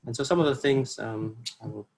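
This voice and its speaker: This young Indonesian man talks briskly in a medium-pitched, slightly rough voice with vocal fry. Presenting an informal workshop via video call, he speaks with an Indonesian accent in earnest, hesitant phrasing.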